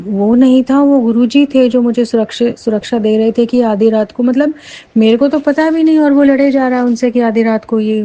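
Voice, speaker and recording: A middle-aged woman telling a personal devotional testimony in an earnest storytelling way that rises with excitement. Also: medium pitch, lo-fi sound.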